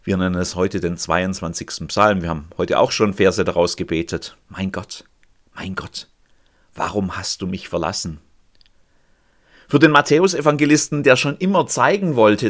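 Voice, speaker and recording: A man preaching a sermon, swinging between loud cries and hushed, almost whispered lines. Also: medium pitch.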